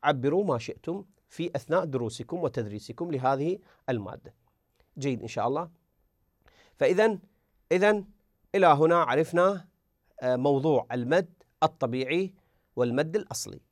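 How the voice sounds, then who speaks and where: A man's voice: on the high side, expressive, a little fast, pauses often, dry recording, studio quality. A man teaching a tajweed lesson who speaks patiently, repeats words and drills the examples aloud. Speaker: Quran recitation teacher.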